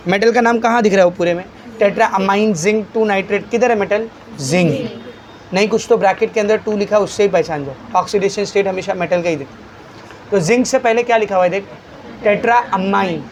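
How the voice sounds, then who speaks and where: Speaking at a moderate pace in a high-pitched voice, a male chemistry teacher lectures his class. He coaxes the students, addresses them as "beta," and fires off questions that he goes on to answer himself.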